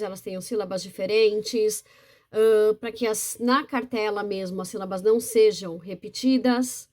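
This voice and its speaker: A woman's voice: mid-range voice, darkish tone. Patient woman teaching step by step. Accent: Brazilian Portuguese. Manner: patient, explains step by step with frequent "né?". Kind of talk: instructional video demonstration.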